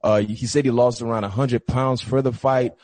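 A man's voice: medium pitch, steady tone, normal speed, darkish tone, no echo. A man co-hosting a sports talk show, telling stories with lots of animation and acting out the coaches he quotes. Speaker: podcast co-host. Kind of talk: casual sports chat.

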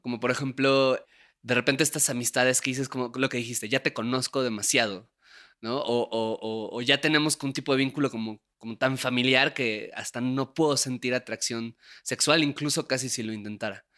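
A man's voice: mid-range voice, steady tone, moderate pace, pushed and bright. A young adult man with a Mexican Spanish accent, hosting a casual podcast chat, laughing often and ending thoughts with tag questions. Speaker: podcast host. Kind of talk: casual conversation.

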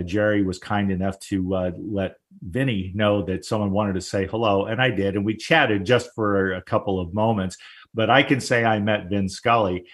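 A man hosting a podcast interview, speaking in measured, polished phrases. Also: fairly low pitch, fairly bright tone. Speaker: podcast host. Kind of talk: interview host chat.

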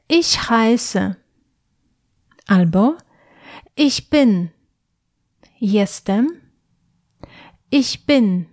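A woman narrates a scripted language lesson in a slightly high voice. She speaks slowly and deliberately, repeating short phrases for the listener to copy. The recording is dry and close, with no room sound. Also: no room sound. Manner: slow, careful pronunciation drills with repeated phrases. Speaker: language teacher.

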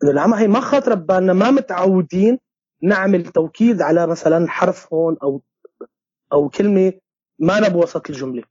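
A playwright and theatre director from Homs, speaking with a Syrian Arabic accent, answering questions in a halting way with many restarts and English words mixed in. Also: male voice, sits high, darkish tone, no echo. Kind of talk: conversational interview answer. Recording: dull lo-fi sound.

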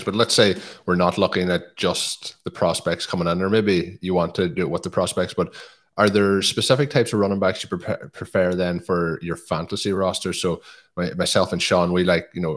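A man from Donegal with a west of Ireland accent, hosting a podcast in a casual, chatty style. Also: sits low. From Donegal, northwest Ireland. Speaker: podcast host.

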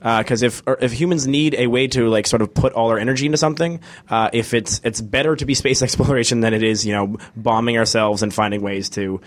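A man co-hosting a podcast, speaking in a halting, hesitant way with frequent pauses and uhs. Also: medium pitch, steady tone. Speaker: podcast co-host. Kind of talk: casual podcast discussion.

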